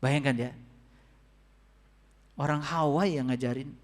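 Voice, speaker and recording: A man giving a spiritual sermon to a congregation, asking the audience questions and swinging between soft and loud passages. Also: mid-range voice, steady tone, slow. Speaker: religious teacher. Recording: long reverb of a hall.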